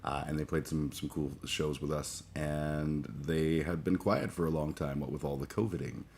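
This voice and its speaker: Man in his forties, booming low voice, groggy, halting with fillers, faint room hum. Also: steady tone, darkish tone. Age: 40s. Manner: halting, many fillers and restarts, profane. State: groggy after a late night. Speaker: livestream host. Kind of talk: casual rambling chat.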